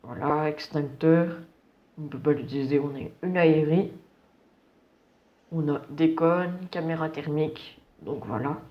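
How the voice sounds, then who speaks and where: A man's voice: on the high side, a little slow, lo-fi sound, slight background noise. A man giving casual, slangy running commentary on a game as he plays. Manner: relaxed, slangy, chatty. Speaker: gameplay commentator.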